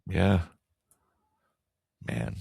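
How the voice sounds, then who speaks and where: A man's voice: extremely slow, a little mellow, dry recording, clean studio sound. A man co-hosting a podcast, chatting casually and rambling with jokes. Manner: rambling, joking. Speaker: podcast co-host.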